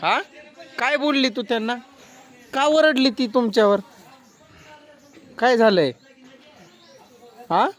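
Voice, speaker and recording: A man's voice: extremely high pitch, expressive, takes it slowly, pauses often, fairly bright tone. A man filming a vlog who keeps pressing questions and scolds in a casual family chat. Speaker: vlogger.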